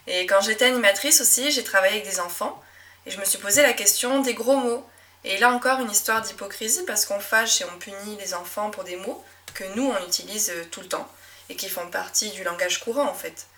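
A young woman from southwest France with a Médoc accent, a French teacher talking reflectively in a casual monologue, with frequent fillers and soft laughs. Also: medium pitch, far from the mic. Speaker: French teacher and podcast host.

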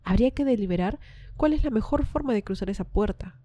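A woman's voice: medium pitch, expressive, brisk, dark tone, no echo, lightly acted. A woman voicing a cunning, boastful male hero who is very pleased with himself. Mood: scornful. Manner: smug, self-satisfied.

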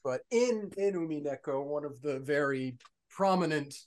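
A man's voice: on the high side, normal speed, no echo. A young man co-hosting a gaming podcast in casual chat, easygoing and given to trailing off and repeating himself. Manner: relaxed, trails off and repeats words. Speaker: podcast co-host.

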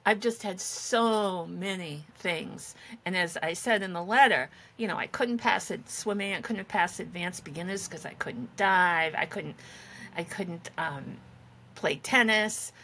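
A woman's voice: mid-range voice, a bit bright. A middle-aged woman co-hosting a podcast, telling meandering, self-deprecating stories in casual chat. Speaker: podcast co-host.

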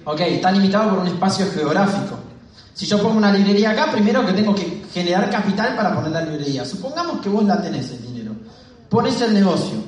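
Man, Argentine accent, fast-talking, seminar speaker, high voice, booming echo. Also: lively intonation, far from the mic. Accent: Argentine Spanish. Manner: talks fast. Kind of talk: storytelling business talk to an audience. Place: hall with an audience.

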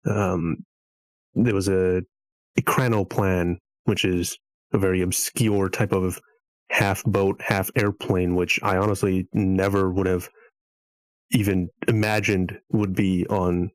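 Man, podcast guest, casual chat, deep even voice, meandering. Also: slow, no room sound, poor audio. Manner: hesitant, meandering.

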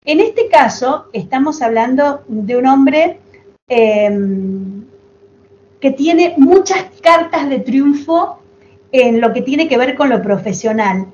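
A woman's voice: high-pitched, slow, dull audio, a little hiss or hum. A woman hosting a casual podcast chat, telling stories with affectionate asides. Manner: chatty, affectionate, animated storytelling with asides. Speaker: podcast host.

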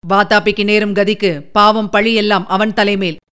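A woman voicing a calm, authoritative male emperor in an audiobook. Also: mid-range voice, moderate pace, clear, resonant tone, lightly acted. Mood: commanding. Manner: composed, authoritative. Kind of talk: audiobook character reading.

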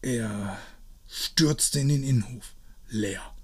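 A man's voice: medium pitch, takes it slowly, breathy edge. A man narrating stories aloud in a dry, wry reading style. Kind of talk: scripted story reading.

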